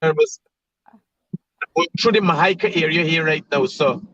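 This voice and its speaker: A man's voice: fairly high pitch, normal speed, fairly bright tone, no echo. A man calls in to an interview from a moving truck, and the call audio keeps breaking up and cutting out. He gives brief, offhand replies. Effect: glitchy call audio that keeps breaking up and cutting out. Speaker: interview guest calling in. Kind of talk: casual chat. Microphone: phone or video call. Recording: dull lo-fi call line.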